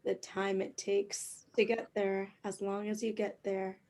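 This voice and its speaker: A woman voicing a calm, patient old woman in a tabletop game, speaking softly and gently. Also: medium pitch, a little slow, lightly acted.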